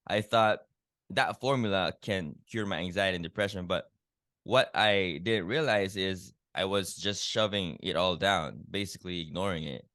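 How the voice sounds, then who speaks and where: Earnest and reflective, a deep-voiced man from the Philippines shares his personal story in a podcast interview, where he appears as a guest keto health coach, dropping plenty of "you know" fillers. He speaks at normal speed with a sharp tone, and the clean studio recording has no room sound.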